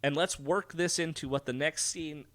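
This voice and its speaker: A man's voice: fairly high pitch, moderate pace. A man co-hosting a podcast, chatting casually about a film, swearing often and restarting his sentences. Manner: swearing, restarts, lively back-and-forth. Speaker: podcast co-host.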